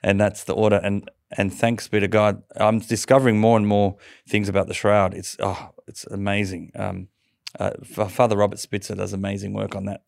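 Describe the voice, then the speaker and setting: A man, an interview guest, telling a personal conversion story in a lively way, laughing often and stumbling over restarts. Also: lowish voice, normal speed, vocal fry, no echo, clean studio sound.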